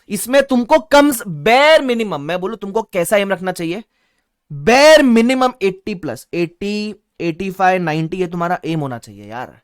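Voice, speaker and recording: A man with a Mumbai accent teaching a live online class, energetic, mixing Hindi and English and reading viewer chat aloud. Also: a little high, clean tone, dry recording, clean studio sound. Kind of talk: live-streamed online lecture.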